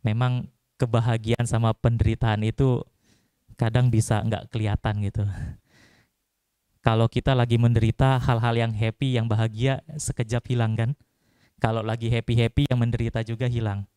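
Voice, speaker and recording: A man's voice: medium pitch, level tone, normal speed, warm tone, smooth, dry recording, clean studio sound. A young man giving a casual Buddhist dhamma talk, chatty and joking, often putting questions to the audience. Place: temple hall.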